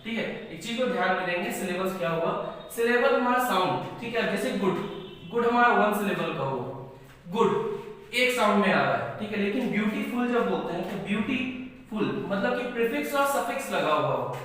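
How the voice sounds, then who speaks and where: A man's voice: sits high, expressive, moderate pace, fairly bright tone, a little hiss or hum. A man teaching English grammar step by step, often checking in with "ठीक है" as he explains. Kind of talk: classroom lesson. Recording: echoey room, far from mic.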